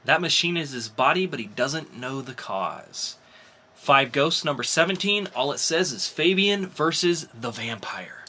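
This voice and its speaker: With a somewhat high voice, lively intonation, and a measured pace, this man sounds bright and forceful. He co-hosts a casual comic book review podcast, chatting enthusiastically and informally, with faint background noise in the recording.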